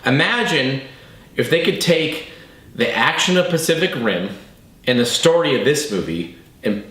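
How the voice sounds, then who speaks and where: A man's voice: medium pitch, lively intonation, unhurried, bright, forceful tone. Sweary, slangy man in an echoey room. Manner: profane, slangy fan enthusiasm. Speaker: co-host of a movie review show. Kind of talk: casual review chat.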